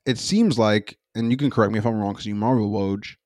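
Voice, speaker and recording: A man's voice: fairly low pitch, a little fast, dry recording. Opinionated young man, dry close sound. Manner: loose, profane, opinionated, animated. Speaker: podcast co-host. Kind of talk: casual chat.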